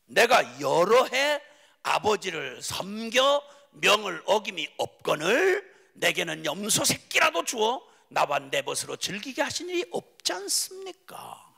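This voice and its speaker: A bitter, indignant elder brother, as a preacher acts him out, pleading his grievance with a high, gravelly voice that swings wide. The tone is bright and edged, with a husky grain. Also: very animated, a little slow, big-room sound, exaggerated voice. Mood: bitter protest. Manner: aggrieved protesting.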